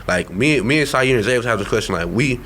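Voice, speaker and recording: A man's voice: mid-range voice, lively intonation, quick pace, a bit bright, a little hiss or hum. A man of twenty-one hosting a casual podcast, talking in hyped, slangy bursts. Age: 20s. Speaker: podcast host.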